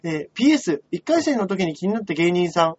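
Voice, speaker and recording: A man co-hosting a talk show, reading listener mail in quick bursts and chatting casually. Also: high voice, very animated, a little mellow, slightly rough. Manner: brisk, reads letters aloud in quick bursts. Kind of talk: casual chat. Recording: dull lo-fi sound.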